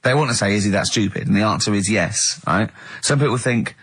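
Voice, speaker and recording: A man's voice: on the low side, brisk, fairly bright tone, husky, no room sound. A man hosting a comic radio show, telling a story with mocking asides and breaking into laughter. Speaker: radio host.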